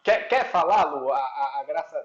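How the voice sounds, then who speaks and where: Guy hosting a live call, quick short cues, roomy dull audio. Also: a little high, expressive. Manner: brief, hurried instructions. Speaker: live-stream host. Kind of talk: casual coordinating on a live stream. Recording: echoey, muffled, faint noise.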